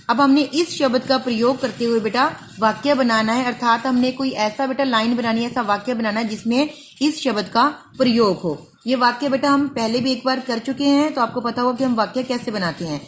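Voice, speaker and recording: With slight noise in the background, a woman whose voice is fairly high teaches young kids, patiently drawing out words syllable by syllable as she spells them. She refers to her listener as "beta" throughout, in the manner of a primary school teacher.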